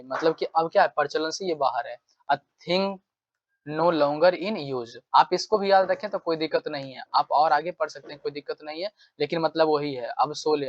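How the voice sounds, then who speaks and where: A man's voice: fairly high pitch, dry recording. Repetitive male tutor, dull dry recording. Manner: repetitive, drills phrases over and over; acts out angry demands while explaining. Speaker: teacher. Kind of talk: exam-prep vocabulary lesson.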